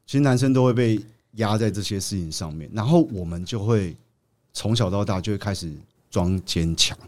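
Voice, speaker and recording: A man's voice: on the low side, normal speed. A man, a podcast guest telling a story in casual chat and acting out the quotes. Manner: animated storyteller, acts out quotes.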